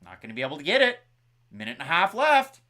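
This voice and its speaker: Lively bright-voiced man calling fights. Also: a little high, fast. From Canada. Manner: excitable play-by-play calling, reads out fan scores. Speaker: co-host. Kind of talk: live fight watch-along commentary.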